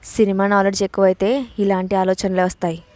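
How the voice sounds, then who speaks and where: A woman's voice: medium pitch, level tone, fairly quick, warm tone, no room sound, lightly acted. A woman reading the part of a domineering young man who mocks and threatens in curt warnings. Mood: sarcastic.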